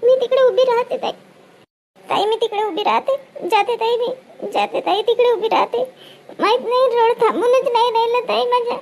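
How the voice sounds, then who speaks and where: Woman acting as a fussy village auntie, very high voice, brisk, bossy. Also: darkish tone. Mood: fussing. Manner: brisk, bossy, full of questioning "hm?" tags. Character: chatty village woman at a wedding, bossy and fussing. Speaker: wedding guest in a comedy skit. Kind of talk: village comedy skit acting.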